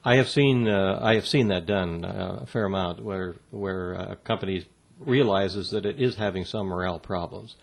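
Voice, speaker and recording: A man answering interview questions about workplace communication in a measured, halting way with many fillers and restarts. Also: deep voice, creaky.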